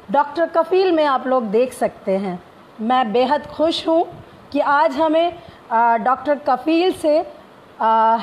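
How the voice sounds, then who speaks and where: High-voiced woman hosting a live stream. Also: slight background noise. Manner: formal Urdu-inflected greetings, many hesitations.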